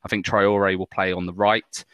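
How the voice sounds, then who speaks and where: A man's voice: low voice, level tone, normal speed, fairly bright tone, no room sound, lo-fi sound. A man with a Maltese accent chatting casually as a panellist on a football podcast. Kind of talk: casual fantasy football chat.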